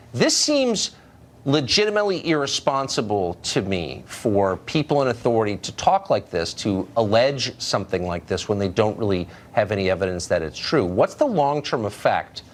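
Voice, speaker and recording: A man's voice: lowish voice, slight background noise. Pointed male TV news host. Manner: pointed, questioning. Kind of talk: cable news interview.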